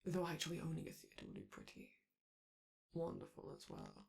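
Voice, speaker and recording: Using a full character voice, a performer plays a vain, charming, flamboyant male robot TV star who flirts theatrically and fondly with the listener in a romantic audio roleplay. The voice is extremely low and gravelly, with wildly swooping pitch, a moderate pace and a slight hiss or hum.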